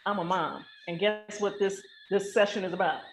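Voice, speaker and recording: Hosting a casual podcast without a script, an American woman speaks at medium pitch and a moderate pace, sounding playful, emphatic and colloquial. Music plays in the background of the hotel where she records, people walk past, and the audio is clearly noisy with ringing.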